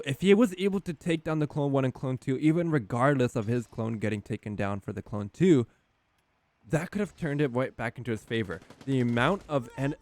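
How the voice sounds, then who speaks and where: A man casting a live esports match as play-by-play commentator, getting louder and higher at the big plays. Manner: excitable, rising in pitch and volume at key plays. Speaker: esports caster.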